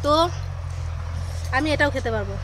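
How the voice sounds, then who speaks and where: A woman's voice: sits high, moderate pace, noisy background. A woman chatting casually to camera as a vlog host, explaining and giving instructions. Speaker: vlogger hosting a food challenge. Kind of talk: casual chat to camera and family. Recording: outdoor recording with people chattering around.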